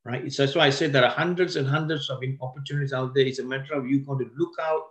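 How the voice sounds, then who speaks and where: A man's voice: medium pitch, steady tone. Man giving a seminar lecture. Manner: slow, stressed key words with frequent restarts. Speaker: seminar presenter.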